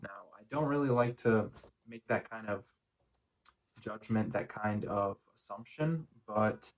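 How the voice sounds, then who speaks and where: Slow-talking man recapping for a vlog. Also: mid-range voice, darkish tone, rough recording. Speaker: running vlogger. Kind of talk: casual vlog recap of a run.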